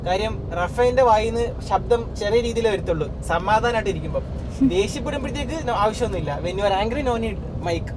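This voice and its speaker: A Malayali man from Kerala telling a family story, casual, laughing, talking loud from a car. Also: sits high, lively intonation, a little fast, very noisy. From Kerala, India. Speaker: family vlogger. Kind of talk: casual vlog chat. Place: in a car on city roads.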